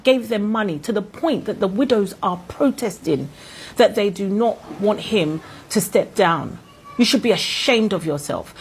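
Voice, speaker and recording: A woman's voice: on the high side, slight background noise, poor audio. A Ghanaian woman vlogging fiery, indignant commentary, firing off rhetorical questions. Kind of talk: impassioned commentary to camera.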